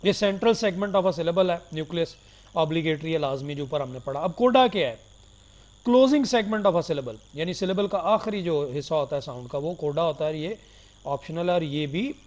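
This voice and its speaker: Man, high voice, lecturer, slow explanations, mixes English with Urdu. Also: a little mellow. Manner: explains slowly, mixing English terms into Urdu; addresses listeners politely as "janab" and "dear students". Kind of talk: recorded phonology lecture.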